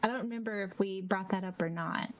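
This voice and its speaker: A woman's voice: medium pitch, fairly quick, highs cut off. Giggly woman co-host, casual podcast chat, reads comments aloud, faint noise behind. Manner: giggly, reads quotes aloud with small voice shifts.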